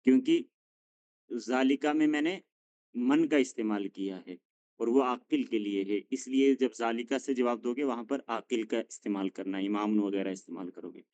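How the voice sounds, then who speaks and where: A man teaching an Arabic lesson, drilling students with questions, patient and encouraging as he corrects them gently. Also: medium pitch, normal speed, no room sound, lo-fi sound.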